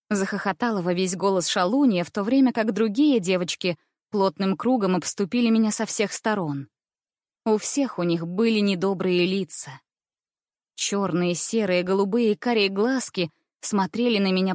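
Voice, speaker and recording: A woman reading narration from a children's story in a clear, expressive way. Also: mid-range voice, moderate pace, dry recording, studio quality. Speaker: reader.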